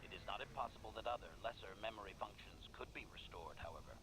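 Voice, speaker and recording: A man's voice: lowish voice, lively intonation, fast, background noise. A man voicing a video game assassin droid, servile yet condescending, formal and clipped, through a metallic robot filter. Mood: haughty, servile. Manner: formal, clipped, announces each statement type, obsequious yet haughty. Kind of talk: scripted video game dialogue.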